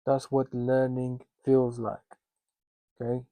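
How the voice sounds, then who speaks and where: Speaking in a monotone, this Russian-accented man has a dark, medium-pitched voice recorded without echo. He's giving founders a casual lesson, mocking himself in loose, joking asides, and his halting delivery is full of restarts and fillers.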